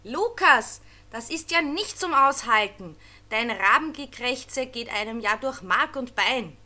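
A woman voicing fussy, know-it-all grown-up angels in a storybook reading, brisk and lecturing. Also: fairly high pitch, very animated, bright, forceful tone, heavily acted. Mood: annoyed.

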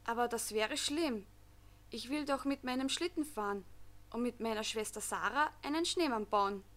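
A woman's voice: on the high side, normal speed, a bit bright, close to an everyday voice. A woman voicing a little boy reading out his earnest wish letter in a children's story.

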